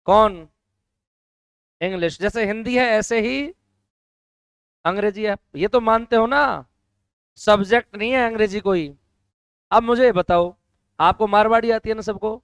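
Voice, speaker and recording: A male teacher with a hoarse throat, lecturing a classroom and loudly quizzing the students to answer together. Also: sits high, no echo. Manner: loud call-and-response questioning of students.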